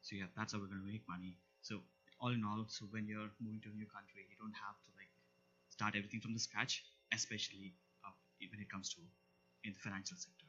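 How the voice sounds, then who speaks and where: A man, a student, rushing through his part of a startup pitch with restarts. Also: level tone, sharp tone, slightly rough. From India. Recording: slightly muffled event audio.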